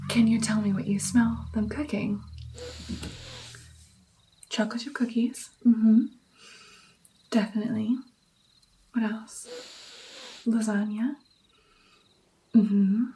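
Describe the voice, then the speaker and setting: A woman playing a gentle vampire mentor in an ASMR roleplay, soft, breathy and mostly whispered, coaxing and encouraging her pupil with pauses. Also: medium pitch, flat delivery, a little hiss or hum, close to an everyday voice, low-quality recording. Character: gentle female vampire patiently training her new darkling. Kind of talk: ASMR personal attention roleplay.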